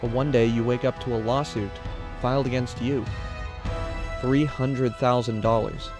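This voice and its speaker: A man reading scripted documentary narration in a measured, dramatic voice-over style. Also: medium pitch, steady tone. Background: music.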